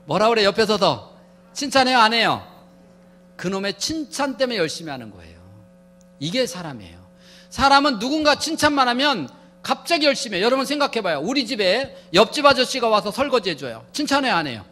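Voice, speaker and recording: A man lecturing humorously to a church audience, playful and animated, acting out everyday quotes as he goes. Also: very high-pitched, fairly quick.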